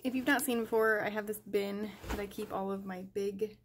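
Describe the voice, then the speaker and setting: Her mid-range voice holds a steady tone and moderate pace as the young woman casually tidies her nail polish desk, thinking aloud with hesitations and fillers. She is indoors in her home nail room, filmed by an overhead camera over the desk. A little hiss or hum is audible.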